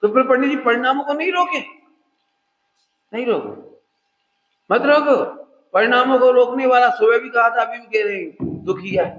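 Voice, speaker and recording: A man's voice: very high voice, lively intonation, moderate pace, pauses often, fairly bright tone, dull audio. Man giving a spiritual discourse in an echoey hall. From India. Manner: asks the audience questions and repeats points. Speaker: Jain scholar giving a discourse. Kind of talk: religious discourse.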